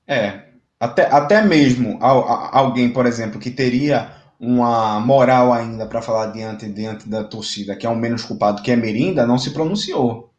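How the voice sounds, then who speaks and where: A man's voice: medium pitch, normal speed, reverberant, lo-fi sound. A man, talking as a football commentator on a fan debate show, emphatic and indignant, often repeating words.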